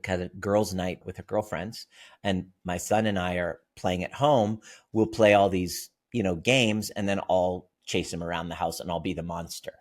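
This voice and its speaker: A man's voice: deep voice, steady tone, normal speed. A man, a therapist guest on a podcast interview, explaining ideas through vivid stories and examples.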